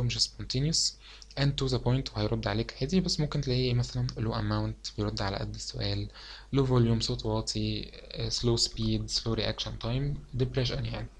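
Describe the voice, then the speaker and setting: A young man with an Egyptian Arabic accent giving an exam revision lecture, explaining calmly and mixing English medical terms into his Arabic. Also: mid-range voice, slight background noise.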